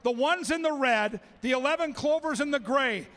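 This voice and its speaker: Track announcer, male, very high bright voice, excitable, shouts the race call. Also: moderate pace. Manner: excitable, shouts calls and names. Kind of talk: live race-call commentary. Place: racetrack.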